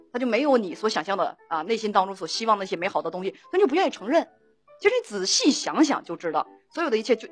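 Lively woman, husky. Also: medium pitch. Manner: animated, acts out both sides of conversations; frequent laughter and repeated words. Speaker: host of an emotional talk show. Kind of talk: storytelling talk-show monologue.

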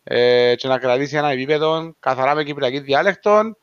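A man's voice: medium pitch, clear, resonant tone, dry recording, muffled recording. A man with a Cypriot Greek accent, talking casually in a discussion.

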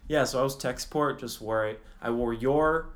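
A man's voice: mid-range voice, normal speed. Easygoing young man in casual chat. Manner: laid-back, easygoing responses. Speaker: podcast co-host. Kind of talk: casual banter.

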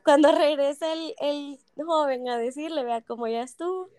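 On a podcast, a woman with a high voice shares family stories in a relaxed chat at normal speed, with no echo. As co-host she is animated, acting out each person's voice when she quotes them.

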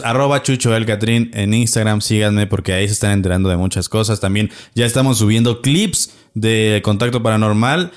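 A man hosting a podcast like a playful ringmaster, announcing theatrically to his audience and chatting jokingly. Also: medium pitch. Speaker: podcast host. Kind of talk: casual, joking podcast chat.

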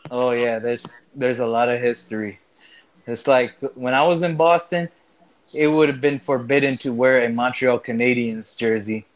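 A man talks casually about sports, pausing often and restarting his phrases. His voice is of middling pitch. The recording sounds muffled and lo-fi. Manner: halting, with restarts and "uh". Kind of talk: casual chat.

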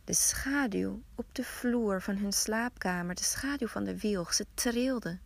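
Slow, gravelly woman storyteller. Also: mid-range voice, no echo. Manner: slow, hushed, often whispering. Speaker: podcast host and storyteller. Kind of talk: storytelling narration.

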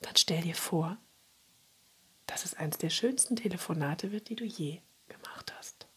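Breathy woman whispering a slow guided relaxation. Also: on the low side. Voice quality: breathy, husky. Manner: soft spa-like whisper, slow and soothing instruction.

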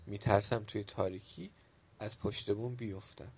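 A man voicing a timid, wistful old village man in a storybook reading, in a soft, plain-spoken way. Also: lowish voice, fairly even intonation, breathy edge.

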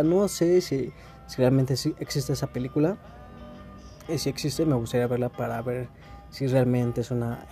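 A man's voice: mid-range voice, mellow. A man with a Mexican accent, talking casually and rambling in a laid-back, slangy way to his listeners. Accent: Mexican Spanish. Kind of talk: casual monologue.

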